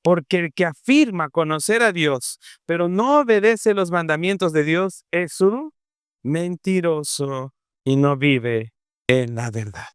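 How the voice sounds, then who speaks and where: A man preaching an impassioned sermon, asking rhetorical questions and swinging between raised cries and low, quiet lines. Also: animated, slow pace, smooth, dry recording, studio quality. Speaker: pastor.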